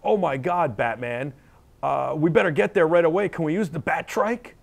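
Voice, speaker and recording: A man voicing Robin, an excitable young male sidekick, shouting breathlessly. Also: fairly high pitch, normal speed, vocal fry, pitched above the performer's own voice. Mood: excited.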